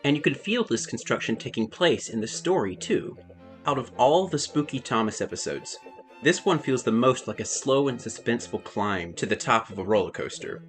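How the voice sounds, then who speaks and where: A man delivers a scripted review in a fairly lively voice of average pitch. Soft music plays behind him. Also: normal speed.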